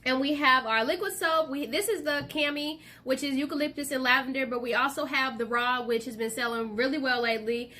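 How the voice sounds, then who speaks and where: A woman's voice: sits high, fairly quick, hardly any pauses, sharp tone. A woman co-hosting a casual chat about her products and foods, talking in a loose way with lots of "um" and "like". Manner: chatty, full of "um" and "like" fillers. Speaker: co-host and small business owner.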